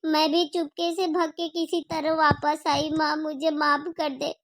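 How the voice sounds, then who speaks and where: A woman's voice: sits high, level tone, a bit bright, dry recording, clean studio sound. A woman voicing a tearful younger daughter who tells her mother how she was mistreated. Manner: sobbing, slow and pleading.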